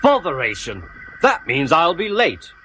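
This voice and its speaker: Man playing a blue engine, proud, impatient, blustering, raised pitch, animated, storybook. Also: unhurried, a little hiss or hum, heavily acted. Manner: brash, blustering.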